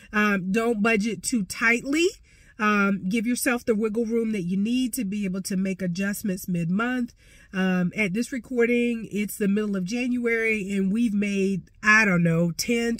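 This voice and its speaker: A woman's voice: medium pitch, no echo. Congested woman giving chatty budgeting advice. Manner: chatty and encouraging, with many fillers. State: congested, nasal voice. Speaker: personal finance coach. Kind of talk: casual direct-to-camera advice.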